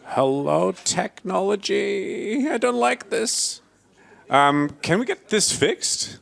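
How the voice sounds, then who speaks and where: On a conference stage before an audience, a Belgian man in his forties gives a keynote in a high, gravelly, slightly bright voice with lively intonation and a slow pace. He is hesitant, full of fillers and restarts, and cracks self-deprecating jokes.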